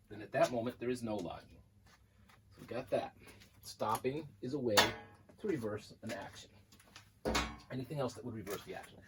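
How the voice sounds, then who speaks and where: A male college math instructor with a medium-pitched voice lectures while working through examples on a board, explaining in a conversational way. Background noise can be heard.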